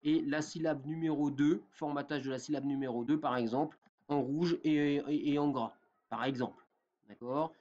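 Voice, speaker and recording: A man with a somewhat high voice explains a program step by step, like a teacher doing a screen-recorded tutorial. He fills pauses with hesitations and keeps checking in with his viewers. The sound is dull and lo-fi. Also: fairly even intonation, darkish tone. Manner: talks step by step with many fillers and a repeated "d'accord?". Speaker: software tutorial presenter.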